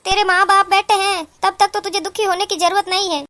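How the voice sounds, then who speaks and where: Voicing a doting middle-aged cartoon mom who angrily scolds her daughter's in-laws, a woman speaks fairly quickly. Her extremely high voice sounds pushed and bright, with rather even intonation.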